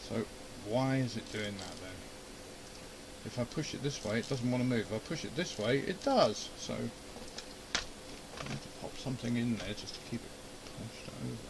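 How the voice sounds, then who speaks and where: A man's voice: mid-range voice, expressive, moderate pace, long pauses, noisy background. A man giving a casual running commentary on a hands-on repair, grumbling and muttering to himself as he goes. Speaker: amateur radio hobbyist and video host. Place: indoor home radio shack.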